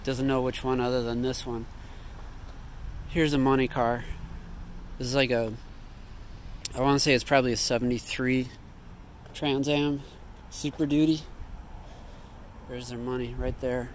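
Walking around an outdoor parking lot, a male vlogger casually describes what he sees, thinking aloud and correcting himself. His medium-pitched voice moves little in pitch, runs a little slow, and pauses often. It was recorded on a handheld phone with slight background noise.

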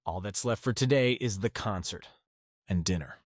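This man is the narrator and lead voice actor of a visual novel, delivering first-person narration and dialogue as a jaded, awkward teenage male human student describing his life. His tone is wry and detached. He uses a natural, fairly low voice at a moderate pace.

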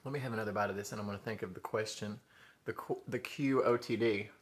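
Talking quickly in a lowish voice with fairly even intonation, a thirty-something mukbang vlogger with a Southern US accent chats to viewers between bites. He's chatty, calls them y'all, and chews as he goes. A camera placed in front at table distance records him in a living room with a sofa and window blinds.

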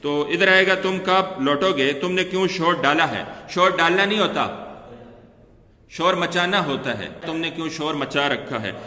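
This Pakistani man teaches Urdu in a classroom lecture, going step by step, repeating key terms and putting questions to the class. His voice is fairly high and sharp, at a moderate pace. The room is echoey with a long reverb.

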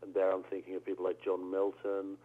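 A man's voice: sits low, monotone, fairly quick. A British man, a theologian, answering interview questions thoughtfully, often repeating words as he searches for phrasing. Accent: British English. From England. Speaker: theologian guest. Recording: narrow phone-like audio.

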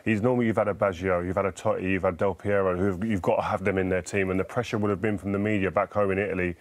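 A man in his forties giving brisk, assertive post-match opinions in a TV studio. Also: sits low, level tone, no echo. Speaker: football pundit.

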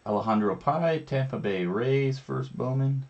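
A man's voice: mid-range voice, normal speed, gravelly, dull audio. A man hosting a live card break, naming each card as he opens packs and chatting casually with viewers. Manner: names each card in a steady running commentary. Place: indoor studio with a branded backdrop.

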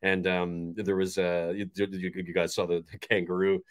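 A man in his forties who hosts a fan channel talks about a match in a casual post-match chat from a bright bedroom, enthusiastic and rambling, restarting his sentences often. His voice is deep with a level tone and a normal pace, and crowd noise can be heard.

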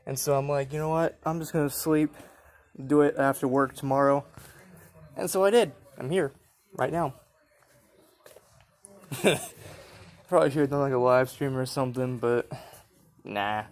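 Young guy filming on his phone walking around an antique mall, rambly and chatty, lots of little laughs, gets all excited when he spots stuff. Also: medium pitch, normal speed, long pauses. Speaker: vlogger. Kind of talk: casual handheld shop walkthrough vlog. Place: large indoor antique mall with glass cases. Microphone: phone camera held while walking.

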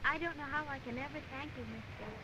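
A woman's voice: high-pitched, fast, close to an everyday voice. An actress playing a poised, polite young lady in 1930s film style. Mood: grateful. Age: young adult. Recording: noisy 1930 film soundtrack.

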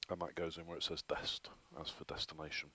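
A man guides a trainee through the cockpit of a flight simulator as instructor. His voice sits very low, and he explains things patiently, one step at a time, with plenty of ums along the way. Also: level tone, a little fast, sharp tone, slightly rough. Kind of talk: hands-on instruction.

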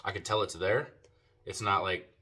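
A man's voice: sits low, steady tone, normal speed, very noisy. A man giving a casual, slangy, profane product review while talking with a lip full of dip. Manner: laid-back, slangy and profane. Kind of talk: casual video review chat.

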